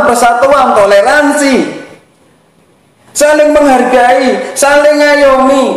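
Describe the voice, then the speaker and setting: Javanese man as a spiritual teacher, lively high voice, emphatic and repetitive, heavy room echo. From Java. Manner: emphatic, repeats key phrases, mixes in Javanese. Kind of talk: teaching talk. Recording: very echoey room.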